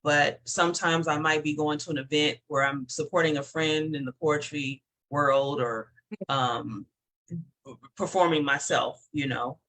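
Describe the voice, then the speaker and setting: Upbeat woman guest, bright crisp voice, giggles a lot, chatty. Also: deep voice, steady tone, poor audio. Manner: upbeat, laughs often, talks in quick bursts. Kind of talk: casual interview chat.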